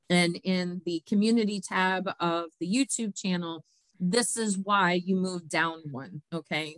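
A woman's voice: lowish voice, fairly bright tone, no room sound. Chatty woman host, dry close sound. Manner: chatty, many fillers, laughs often. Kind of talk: casual presentation of competition results.

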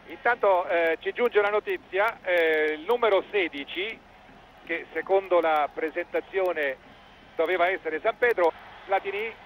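A man's voice: high-pitched, unhurried, fairly bright tone, slight background noise, poor audio. An Italian man giving live football match commentary in clipped phrases, rising with the play, on an old television broadcast.

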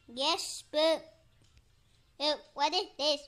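A woman with giving excited gameplay commentary, chanting and cheering as she plays. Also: high voice, drawn-out words. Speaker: gameplay streamer.

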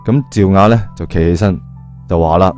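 A man with a mellow, fairly low voice and a Cantonese accent narrates a story at a fairly quick pace. He is colloquial and dramatic, slipping in chatty asides over soft music.

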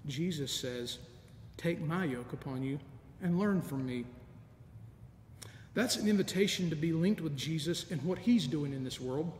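This is a middle-aged man preaching as a deacon, calm and sincere in tone, with gentle laughs mixed in. A stand mic before the lectern and a far-off camera capture him in a large, empty sanctuary, where the sound echoes with long reverb and a faint rumble beneath it.

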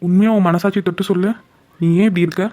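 A man's voice: high-pitched, steady tone, fast, a little mellow, close to an everyday voice. A man voicing a pushy young lover. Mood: arguing. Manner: insistent, coaxing. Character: young man pleading with the girl he loves. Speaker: cartoon character. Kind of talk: cartoon voice acting.

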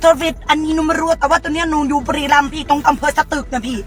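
A woman's voice: high voice, steady tone, quick pace, soft background music, lightly acted. A woman voicing a naive, chatty rural woman with a Khmer accent, repeating herself and playing confused on a prank phone conversation. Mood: protesting. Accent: Khmer-accented Thai. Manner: repetitive, rambling, playing confused.

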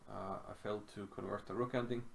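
Middle-aged guy from iceland walking thru a chess game at his desk, lowish voice, lots of uhs. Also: fast, vocal fry, a little hiss or hum. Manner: relaxed, thinking aloud with frequent fillers. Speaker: chess commentator. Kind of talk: casual chess game analysis. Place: small room at home.

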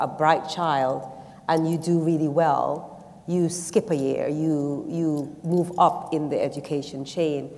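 On a festival stage panel, a Guyanese woman with a low voice reflects personally and reads aloud to an audience, thoughtful and halting, with many ums and restarts. The large theatre's long reverb trails after each phrase.

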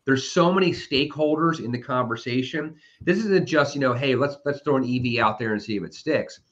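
A man's voice: mid-range voice, a bit bright. A man speaking as an automotive industry analyst in a conversational interview, thinking aloud and often restarting his sentences. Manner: quick, thinking-aloud delivery with frequent restarts. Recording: slightly dull lo-fi sound.

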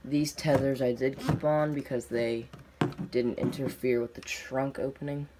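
Speaking a little slowly at a medium pitch and level tone, a young diecast collector gives casual unboxing commentary on camera. His phrases are short, clipped, plain and unscripted, delivered indoors at a tabletop display. The home recording is noisy and has clicks.

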